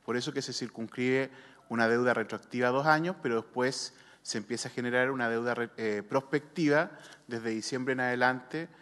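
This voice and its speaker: A man with a Chilean accent, a health superintendent giving a measured technical explanation, with frequent hesitations. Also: mid-range voice, a bit bright. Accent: Chilean Spanish. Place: senate committee room. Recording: long reverb in a hall.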